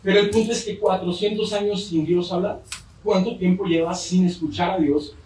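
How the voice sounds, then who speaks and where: A man's voice: high voice, steady tone, moderate pace, a little mellow. A man with a Mexican accent preaching a sermon, telling a story with joking asides. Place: church. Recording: roomy church hall from far off.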